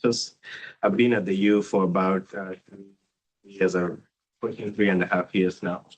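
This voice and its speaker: A man with a Kenyan accent speaks in a very low, fairly even voice, hoarse from a cold. He introduces himself to an audience as a doctor, pausing often as he goes. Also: lo-fi sound. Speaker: oncology physician and faculty speaker. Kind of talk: informal self-introduction to an audience.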